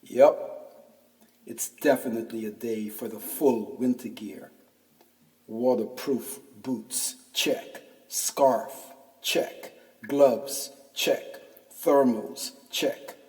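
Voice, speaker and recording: A podcast host and narrator in his fifties reads his own wry first-person essay, full of street slang, extremely slowly. His mid-range voice is steady and a bit mellow, heard from a distance in a reverberant room.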